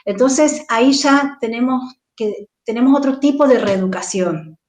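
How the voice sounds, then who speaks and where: A woman's voice: on the high side, a little slow, a little mellow, roomy sound, a little hiss or hum. A woman with an Argentine Spanish accent, working as a speech therapist, patiently explaining in an interview and often checking in with listeners. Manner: patient, explanatory, tags points with "¿sí?".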